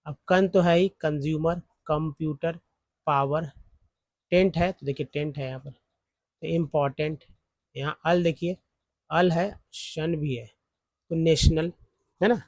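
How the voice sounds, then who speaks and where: A man teaching English phonics from slides, explaining word parts slowly. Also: a little high, fairly even intonation, no room sound. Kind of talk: slide-based phonics lesson.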